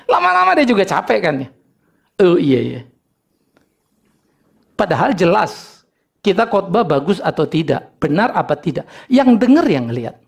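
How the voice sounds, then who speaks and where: Animated, gravelly pastor. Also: male voice, high-pitched, moderate pace, pauses often. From North Sumatra, Indonesia. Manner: lively storytelling, acting out family dialogues with humor. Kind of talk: sermon.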